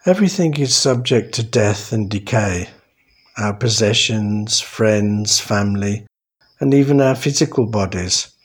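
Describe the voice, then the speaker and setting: A man guiding a meditation in a calm, soothing way, giving slow, unhurried instructions. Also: lowish voice, breathy edge. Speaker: meditation guide. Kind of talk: guided meditation narration.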